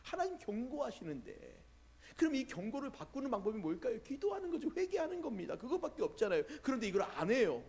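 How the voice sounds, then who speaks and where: A man preaching a sermon to his church as pastor. He puts rhetorical questions to the congregation and moves between hushed asides and loud, emphatic passages. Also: very high voice, huge pitch swings, fast talker, vocal fry, husky. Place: church sanctuary.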